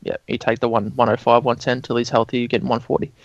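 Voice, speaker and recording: A man's voice: medium pitch, level tone, fast talker, dry recording. Australian man, dry and slightly muffled. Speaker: podcast panellist. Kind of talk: casual fantasy football podcast chat.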